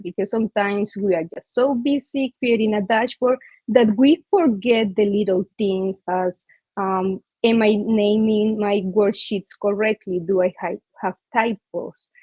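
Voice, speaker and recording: Speaking a little slowly with a Colombian Spanish accent, a Colombian woman gives a friendly, filler-heavy presentation to an online user group by video call. Her mid-range voice is darkish with a breathy edge, and the dull, dry call audio carries no echo.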